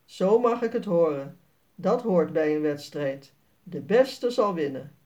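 A woman's voice: fairly low pitch, expressive, a little slow, warm tone. A woman voicing a patient, friendly mother in a children's storybook reading, cheerful and coaxing.

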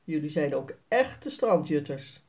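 A woman's voice: low voice, sing-song, measured pace, a little mellow, voice pushed down, exaggerated voice. A woman voicing a friendly adult male beachcomber in a children's story, explaining things in a kindly way.

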